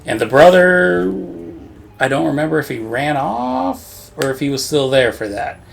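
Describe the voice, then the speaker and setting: A man's voice: a little high, big pitch swings, normal speed, creaky, a little hiss or hum. Rambling, laughing man recapping a game. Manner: rambling, profane, laughs often. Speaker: podcast co-host. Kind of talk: casual game recap chat.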